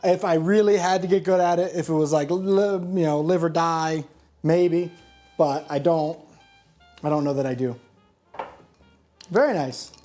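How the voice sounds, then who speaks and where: A woman with a fairly low, mellow voice trades wry, matter-of-fact remarks while baking. Her tone stays dry and casual over soft background music. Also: steady tone, unhurried, long pauses. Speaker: home baker, co-host. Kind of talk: casual kitchen chat. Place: home kitchen.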